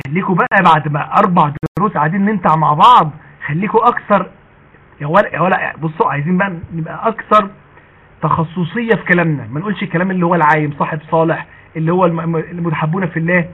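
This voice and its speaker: An Egyptian man gives a lesson to women in a quick, chatty way. His voice is a little high and husky. It sounds tinny, like it came over a phone line. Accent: Egyptian Arabic. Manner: chatty and conversational, slowing to recite quoted sayings. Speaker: preacher teaching women. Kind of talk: colloquial religious lesson.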